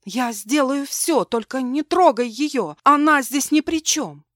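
A woman's voice: on the high side, lively intonation, moderate pace, a bit bright, no room sound, clean studio sound. A woman reading an audiobook, voicing a terrified young mother who pleads with strain in her voice. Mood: pleading. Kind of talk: audiobook dialogue.

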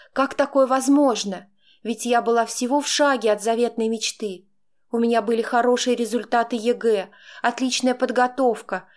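A woman narrating a first-person audiobook with emotional, heartfelt delivery. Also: on the high side. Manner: emotional, tearful intensity at peaks.

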